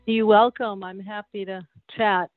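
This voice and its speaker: A woman, a gallery director being interviewed, recounting events in a halting way with restarts, heard over a low-quality remote stream. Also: level tone, dry recording, soft background music. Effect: low quality stream, phone-like sound. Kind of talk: interview answers. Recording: dry, tinny remote call line.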